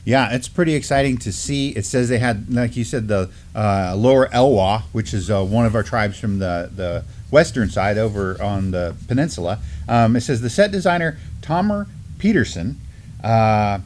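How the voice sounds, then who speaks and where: His voice sits on the low side, darkish in tone and at a moderate pace, with a little background noise. The middle-aged man co-hosts a live news talk show from a desk in a small, mottled-backdrop studio, speaking casually with many fillers and restarts.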